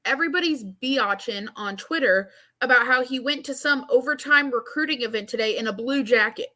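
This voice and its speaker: A woman's voice: sits high, a little fast, pushed and bright. A woman co-hosting a sports show in casual chat, with a blunt way of talking. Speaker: sports podcast co-host.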